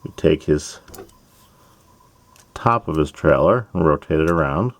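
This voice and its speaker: A man with a very low voice hosts a casual build tutorial, walking through each step one by one. His pitch moves up and down a lot as he talks, and he drops in playful asides. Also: animated, unhurried, no room sound. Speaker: host of a toy-building channel.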